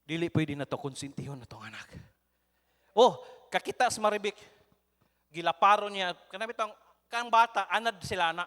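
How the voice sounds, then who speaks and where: A man with a Cebuano accent preaching a sermon in a church, telling stories in an animated way and mixing in English. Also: high-pitched, moderate pace. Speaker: pastor. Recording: long church hall reverb.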